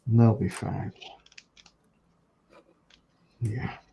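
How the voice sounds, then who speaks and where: A man's voice: on the low side, flat delivery, drawn-out words, creaky, mellow. A man with a Hull accent giving casual hands-on workbench commentary, often muttering to himself as he works. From England, Hull. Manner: muttering to himself while working. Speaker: hobby model-making demonstrator. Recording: dull, noisy room recording.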